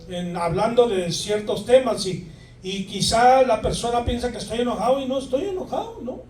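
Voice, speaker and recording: A man preaching a sermon as pastor, animated and emphatic, with asides to the congregation. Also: extremely high pitch. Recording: echoey room, far from the mic, music behind.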